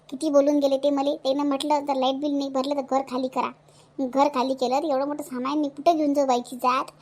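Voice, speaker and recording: In cartoon voice acting, a woman plays a sharp-tongued, high-pitched village mother with a broad Vidarbha Marathi accent, her voice close to an everyday one. The fierce, middle-aged widow is at the end of her patience, nagging and berating her idle grown son.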